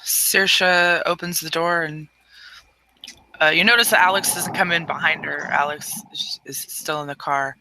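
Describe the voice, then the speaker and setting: Co-narrator, bright gravelly voice, dry close sound. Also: male voice, a little high, steady tone, a little slow, no room sound, poor audio. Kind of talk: narrating a tabletop game.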